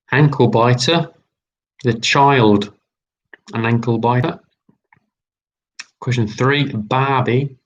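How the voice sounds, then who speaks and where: A quiz host leads a live online quiz at an unhurried pace, reading each question carefully and repeating every term several times. His voice is at an ordinary middle pitch, and the audio quality is poor.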